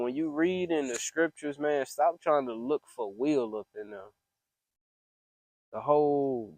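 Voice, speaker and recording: A man's voice: mid-range voice, a little mellow, dry recording. A man talking about his faith in an earnest, preachy, confiding way, recorded as a phone voice memo. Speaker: speaker venting about faith. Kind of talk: casual spoken reflection. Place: private room, voice memo. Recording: dry close voice memo.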